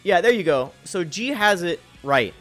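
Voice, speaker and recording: Fairly high-voiced man streamer. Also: sing-song, measured pace, a bit bright, soft background music. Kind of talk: casual game commentary.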